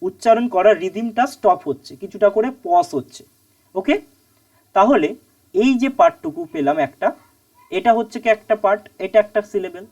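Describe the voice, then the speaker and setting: A woman teaching an online English grammar lesson, asking and answering her own questions and repeating key words slowly. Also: medium pitch, a little mellow, distant mic.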